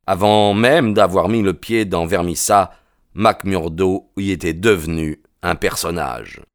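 A man narrates a novel in a measured, even way. His voice is very deep and low. The recording is dry and close, with no room sound. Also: no room sound. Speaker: audiobook narrator. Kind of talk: scripted narration.

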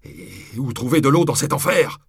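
A man voicing an urgent, commanding friar who shouts orders during a fire. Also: medium pitch, very animated, normal speed, slightly rough, no room sound, studio quality, pitched above the performer's own voice, full character voice. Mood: alarmed, urgent.

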